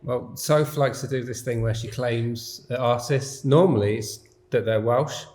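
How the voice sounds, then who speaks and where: A man co-hosting an interview podcast, joking and halting, often restarting his questions. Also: medium pitch, darkish tone. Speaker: podcast co-host. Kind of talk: casual interview chat.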